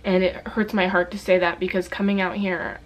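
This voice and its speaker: A woman's voice: fairly low pitch, level tone, moderate pace, low-quality recording. A young woman in her messy bedroom talking casually to the camera, emotional and close to tears, with many ums. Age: young adult. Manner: emotional, tearful, soft-spoken with many ums. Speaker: vlogger. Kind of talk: casual heartfelt vlog.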